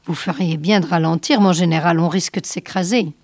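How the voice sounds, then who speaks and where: A woman voicing a nervous male space crewman in a storybook reading, anxious and hushed. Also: lowish voice, fairly quick, no echo, clean studio sound, close to an everyday voice.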